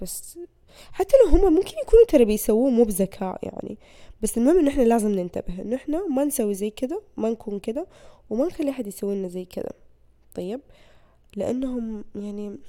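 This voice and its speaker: A young woman, hosting a podcast as a casual monologue and acting out the people she quotes. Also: medium pitch. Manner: animated, acts out quoted people. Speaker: podcast host.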